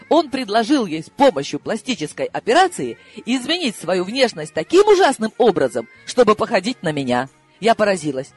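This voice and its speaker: A woman's voice: mid-range voice, breathy edge. A woman narrating a first-person audiobook in a wry, mock-fierce way, acting the dialogue.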